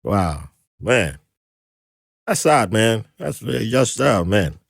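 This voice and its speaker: A man's voice: fairly low pitch, slow, creaky, slightly rough, dry recording, clean studio sound. A man hosting a casual podcast interview, telling stories with laughter and acted-out voices. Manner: animated storyteller, laughs often, acts out quoted voices. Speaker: podcast host.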